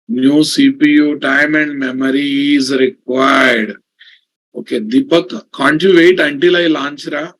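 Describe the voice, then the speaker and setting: A man's voice: fairly high pitch, steady tone, takes it slowly, a bit bright, a little hiss or hum. A man with a Telugu Indian English accent teaching a programming class, dictating in repeated phrases and checking in with questions. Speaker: programming instructor. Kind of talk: live lecture with slow dictation and repetition.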